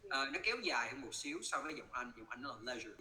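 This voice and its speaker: A man with a Vietnamese accent coaching English pronunciation, repeating words slowly and switching between Vietnamese and English. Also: mid-range voice, pushed and bright, rough recording. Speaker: English teacher.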